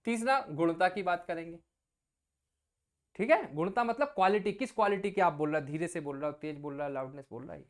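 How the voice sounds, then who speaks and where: A woman's voice: on the low side, fairly quick. A woman teacher giving an exam coaching lecture, casually explaining with everyday examples and asking the class questions she answers herself.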